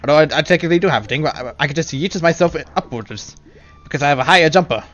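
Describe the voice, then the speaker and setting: A man's voice: fairly high pitch, expressive, very fast, a bit bright, lo-fi sound. A man from England with an English accent, casually talking to himself in playful, rambling commentary while streaming a video game. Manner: rambling, playful self-talk with giggles. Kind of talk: casual live gameplay commentary.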